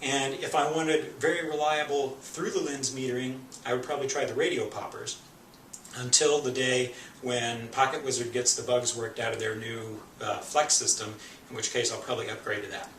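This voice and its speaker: A man's voice: mid-range voice, steady tone, normal speed, fairly bright tone, a little hiss or hum. A male photography instructor giving an informal, conversational gear review, explaining as he goes and a little out of breath. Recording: echoey room, mic at a distance.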